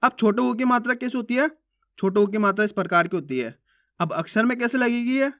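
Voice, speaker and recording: A man with a high, bright voice teaches a friendly beginner's alphabet lesson. He keeps quizzing the viewer and draws out each sound as he repeats it. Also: lively intonation, fairly quick.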